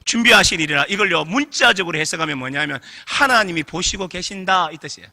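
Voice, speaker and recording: A man's voice: high voice, quick pace. A middle-aged male pastor preaching a revival sermon, questioning the congregation and getting them to answer back. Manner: animated preaching with call-and-response questions to the congregation. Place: church sanctuary. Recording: long hall reverb.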